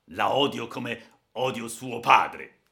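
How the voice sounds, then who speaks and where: A man's voice: medium pitch, animated, vocal fry, full character voice. A man voicing a ferocious gloating bandit. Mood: menacing. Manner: loud, menacing, slow and gloating. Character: ferocious vengeful male bandit, cruel and gloating. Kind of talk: audiobook character voice.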